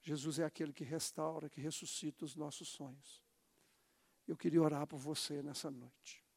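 Preacher, high gravelly voice, emphatic, leads the congregation in repeating phrases, long church reverb. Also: male voice, flat delivery, moderate pace, a little mellow. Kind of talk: sermon.

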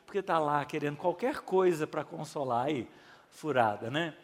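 A man's voice: fairly high pitch, lively intonation, normal speed, long reverb tail. A middle-aged male pastor preaches in a folksy, conversational way, asking the audience questions and acting out voices as he tells stories. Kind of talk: sermon with storytelling.

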